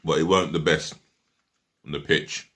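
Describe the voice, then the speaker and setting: A man with a low, forceful and bright voice gives a rambling fan review of a football match. He is blunt, swears freely and fills his talk with ums, now and then speaking through a mouthful of food. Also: steady tone, moderate pace. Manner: talks while eating. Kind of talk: casual match review vlog.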